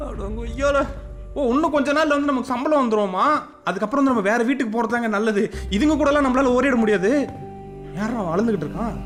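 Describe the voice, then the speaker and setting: A man's voice: very high-pitched, animated, fast. A man hosting a let's-play of a horror game, panicking and scolding the game's ghosts aloud as he goes. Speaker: gaming channel host. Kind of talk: let's-play gaming commentary. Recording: game music playing behind the voice.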